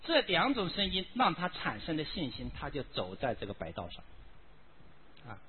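A male Buddhist teacher with a high, very lively voice explains chanting in an earnest dharma talk. He often stops with a drawn-out "ah" and repeats his phrases. The recording is tinny and phone-like, with a faint hiss underneath. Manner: earnest, with frequent "ah" pauses and repeats.

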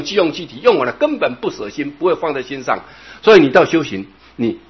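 Male Buddhist teacher, husky and animated, giving a long dharma talk on a dull lo-fi recording. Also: on the high side. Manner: expounding, drawing out particles, repeating phrases.

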